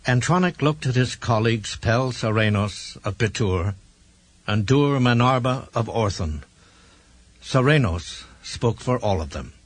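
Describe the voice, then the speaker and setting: A man narrating an audiobook in a measured storytelling manner. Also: medium pitch, animated, no echo. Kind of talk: scripted narration.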